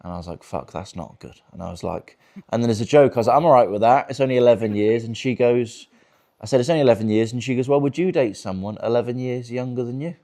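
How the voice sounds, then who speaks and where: A man's voice: medium pitch, fast, mellow. A man in his twenties doing crude, teasing crowd work as a stand-up comedian in a virtual-reality show. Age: 20s. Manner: crude, teasing, laughs often.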